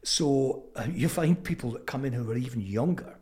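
An elderly man from Fife speaks with his local Scottish accent at a medium pitch. He talks as a guest in an interview, reflective and conversational. His delivery is thoughtful and halting, with plenty of pauses. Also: animated, a little mellow. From Fife, Scotland. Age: 70s.

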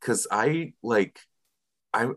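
A man's voice: mid-range voice, expressive, very slow, a bit bright. A man in his mid-thirties co-hosting a podcast, telling stories in a wordy, hesitant way full of ums. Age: 30s. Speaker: podcast co-host. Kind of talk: casual chat.

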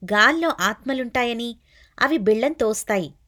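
A woman voicing an excited young girl who eagerly gives bossy instructions as she leads a spirit game. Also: on the high side, moderate pace.

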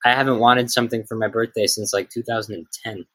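Deadpan teenage guy, dry and correcting. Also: lowish voice, quick pace, no echo, poor audio. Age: late teens. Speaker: podcast co-host. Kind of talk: casual chat.

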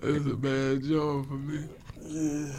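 A man's voice: a little high, level tone, slow, a little mellow, slight background noise. A man in a casual, slangy chat, philosophizing in an easygoing way as a podcast co-host.

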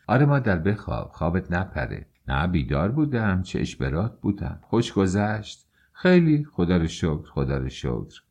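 A man narrating an audiobook story in an emotional, slow and dramatic way. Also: deep voice, darkish tone.

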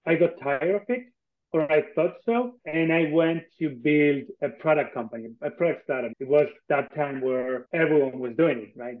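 A co-founder of a tech company, this Argentine man speaks English as a second language, his first being Spanish, with an Argentine accent. As a podcast guest he talks conversationally and earnestly in a voice on the high side, often repeating phrases for emphasis. The audio is thin and phone-like, from an online call.

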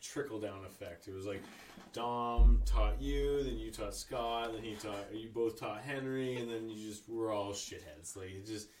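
A man's voice: lowish voice, steady tone, echoey room, distant mic, a little hiss or hum. A young man hosting a podcast, joking loosely in a casual chat. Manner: loose, joking, quick asides. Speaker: podcast host.

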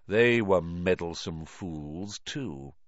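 A reader voicing a sneering, cold aristocratic man who speaks softly and menacingly. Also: medium pitch, expressive, a little slow, no echo, voice pushed down, natural voice. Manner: soft, menacing. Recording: dry, slightly dull lo-fi.

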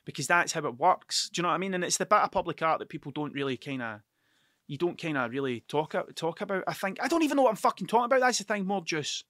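A man's voice: fairly high pitch, expressive, fast talker, sharp tone, no echo, studio quality. A tired man rambling through a solo podcast, swearing often and stuttering over his words. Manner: sweary, stuttering, restarts sentences. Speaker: podcast host and mural painter.

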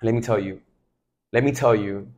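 A man's voice: on the low side, normal speed, darkish tone, dull audio. Fired-up young man, slangy and emphatic. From Mexico. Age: 20s. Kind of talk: casual faith talk.

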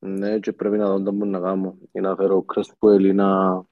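Dull lo-fi sound, man, Cypriot Greek accent, fairly low voice, casual football chat, halting, repetitive starts. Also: monotone, no echo. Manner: halting, repeats words. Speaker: football podcast panellist. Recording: dull lo-fi audio.

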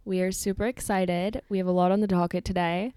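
A teenage girl with a fairly low voice co-hosts a political podcast. She talks loosely, with plenty of fillers, and often lets her sentences trail off quietly. The recording is dead dry. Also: level tone, a little fast, clean tone, dry recording. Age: teens. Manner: casual, filler-heavy, trailing off softly. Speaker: podcast co-host. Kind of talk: casual political podcast chat.

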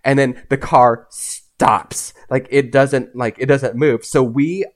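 A man's voice: mid-range voice, steady tone, takes it slowly. Young man rambling through a story. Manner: rambling, lots of "like"s. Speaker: podcast guest. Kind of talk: casual storytelling.

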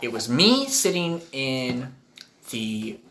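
A young woman co-hosting a podcast, telling a story in a rambling, profane, animated way. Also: very deep voice, slow pace. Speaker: podcast co-host. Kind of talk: casual storytelling chat. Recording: echoey room, faint background noise.

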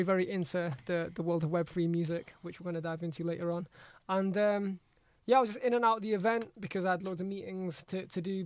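A man's voice: high voice, no room sound. A man with an urban London roadman accent, telling stories casually in slang as a podcast guest and repeating his phrases. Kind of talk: casual conversational storytelling.

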